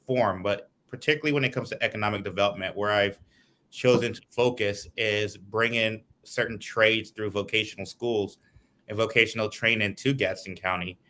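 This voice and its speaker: A man's voice: on the low side, fairly even intonation, normal speed, sharp tone, a little hiss or hum. A man from Guyana, a political candidate, giving earnest, lengthy answers in an interview over a video call.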